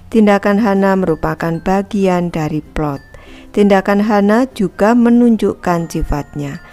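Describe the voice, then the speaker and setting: Speaking with a fairly low, darkish voice, this female teacher reads from a textbook and patiently walks schoolchildren through every section. She talks straight to the class, calling them anak-anak and naming herself Ibu.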